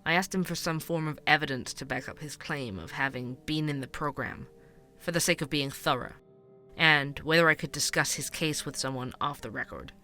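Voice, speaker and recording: In an audio drama, a man plays a candid, wry investigative podcast host, delivering fictional narration and dialogue conversationally with hesitant asides. His fairly high voice is pushed and bright, at normal speed, with faint music behind.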